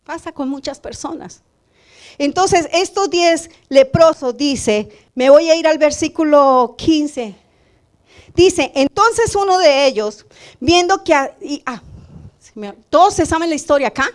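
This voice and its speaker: A woman pastor preaching a lively sermon in church, asking the congregation questions and crying out loudly when she quotes pleas for mercy. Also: high voice, a little slow. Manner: animated call-and-response preaching, asks the congregation questions; laughs at her own slips.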